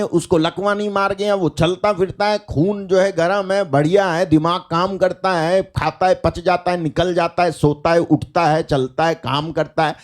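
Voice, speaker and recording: A male preacher with a fairly high-pitched voice delivers a live sermon. He talks emphatically, firing off rhetorical questions and breaking in with calls of hallelujah. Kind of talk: live online prayer meeting.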